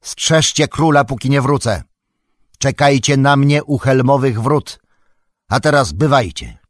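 A man reading aloud, voicing an old wizard who gives urgent, authoritative instructions in a husky voice. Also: fairly low pitch, a little slow, dry recording, studio quality. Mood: shouting orders.

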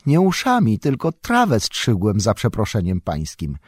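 A man's voice: lowish voice, huge pitch swings, normal speed, slightly rough, dry recording, studio quality, full character voice. A man voicing a frightened young male hobbit gardener who pleads eagerly. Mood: flustered.

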